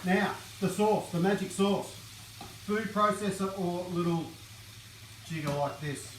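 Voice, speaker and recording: A practical, easygoing woman explains a recipe step by step in a fairly low voice. She is picked up from a distance in a roomy kitchen, with faint background noise. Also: unhurried. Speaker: cooking show co-host. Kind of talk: casual cooking demonstration. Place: home kitchen.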